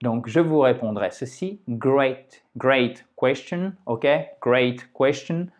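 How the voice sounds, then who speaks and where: A man with French as his first language explaining English grammar in a video lesson, patiently and clearly, often checking in with his viewers. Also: medium pitch. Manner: slows down to spell out English examples. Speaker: English teacher.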